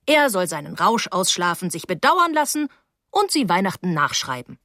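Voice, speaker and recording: A woman narrating an audiobook in an expressive, reflective storytelling manner. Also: fairly low pitch, normal speed, no echo, clean studio sound. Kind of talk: audiobook reading.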